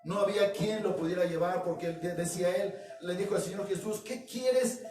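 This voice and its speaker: A man's voice: sits high, steady tone, fast talker. A man, a pastor delivering a sermon with emphatic, repetitive phrasing that speaks directly to his congregation. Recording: echoey room, distant mic, music behind.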